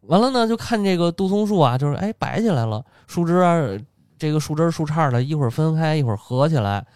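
A man telling a dark folk tale in casual, colloquial podcast chat. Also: a little high, fast talker, no room sound, studio quality. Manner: animated, colloquial, lively delivery. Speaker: storyteller host.

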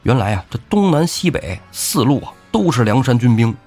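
A man telling a classic tale as the show's host, with lively, jokey asides to the listener. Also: medium pitch, moderate pace, husky, faint music behind. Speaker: storyteller host. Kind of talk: humorous storytelling of a classic novel.

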